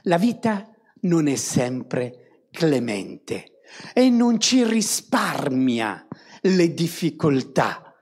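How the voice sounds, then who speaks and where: A woman's voice: sits low, big pitch swings, drawn-out words, a little mellow, slightly rough. A woman preaching a sermon to a congregation, often tagging on rhetorical questions to draw her listeners in.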